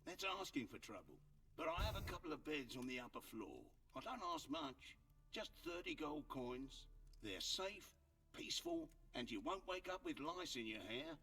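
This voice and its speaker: A man's voice: medium pitch, wildly swooping pitch, moderate pace, creaky, sharp tone, far from the mic, exaggerated voice. An actor playing a smug, crooked merchant and innkeeper in a video game, with a sly salesman's patter that turns scornful. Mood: slick, smug. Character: crooked male merchant and innkeeper, smug, defiant, self-righteous.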